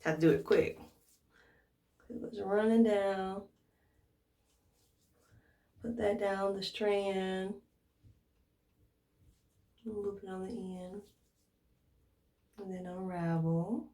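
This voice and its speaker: Very slow and warm, with frequent pauses, this American woman's mid-range voice keeps a fairly even intonation. She's a hair care vlogger giving a casual, informal tutorial, musing aloud while demonstrating. The mic sits far away, picking up roomy echo.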